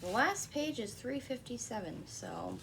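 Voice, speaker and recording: A woman in a soft-spoken ASMR role-play as a librarian, talking in a hushed, gentle library voice with a creaky edge. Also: mid-range voice, normal speed, very noisy.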